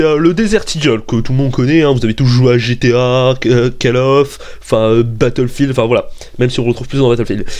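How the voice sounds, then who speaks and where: A young man hosting a comedic video rant, excitable and swearing, often arguing with himself. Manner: excitable, swearing, jumps into high-pitched outbursts and argues with himself. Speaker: YouTube weapons video host.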